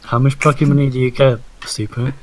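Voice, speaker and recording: A man's voice: mid-range voice, little pitch movement, fairly quick, very noisy. A man, co-hosting a podcast with dry, offhand jokes. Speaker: podcast co-host. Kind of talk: casual chat.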